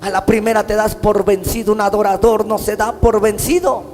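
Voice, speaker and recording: A Mexican man preaching a sermon as pastor, impassioned, his phrases swelling into sung, drawn-out lines. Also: sits high, steady tone, darkish tone. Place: church hall. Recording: long church-hall reverb with faint instrumental music.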